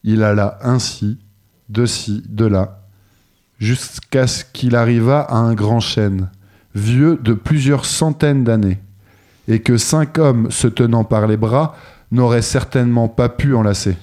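A man reads a fairy tale aloud at an even, steady pace. His voice is dark and mellow, with a pitch that sits at an ordinary middle level. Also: takes it slowly. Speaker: narrator. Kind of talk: storybook narration.

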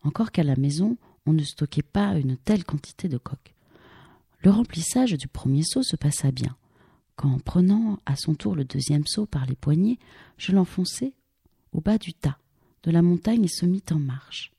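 Female audiobook narrator, calm and even; husky timbre, dry booth sound. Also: deep voice, moderate pace, no room sound. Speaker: audiobook reader. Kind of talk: scripted literary narration.

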